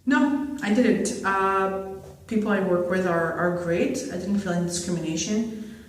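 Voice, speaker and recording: A man's voice: sits high, unhurried, slight background noise. A man from Syria telling his life story in an oral history interview. He speaks earnestly, with frequent fillers and restarts. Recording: echoey room, mic far off.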